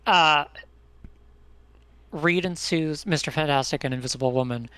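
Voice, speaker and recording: Co-streamer, man, slightly high voice, eager explainer, dry. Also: normal speed, pushed and bright, clear, resonant tone, dry recording. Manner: enthusiastic explaining, filler-heavy. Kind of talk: casual chat.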